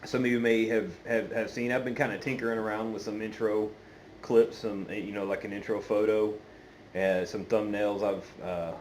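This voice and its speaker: A man's voice: fairly low pitch, level tone, a little mellow, slight background noise. A man chatting casually to viewers as a video host, hesitant and meandering, on an amateur phone recording. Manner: hesitant, meandering, halting delivery. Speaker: pipe-smoking video channel host. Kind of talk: casual unscripted chat to viewers.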